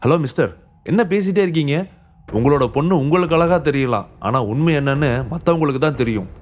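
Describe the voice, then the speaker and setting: A man's voice: on the high side, lively intonation, fairly quick, lightly acted. A man voicing a cocky, mocking young male bodyguard in an audio story. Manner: mocking and brash.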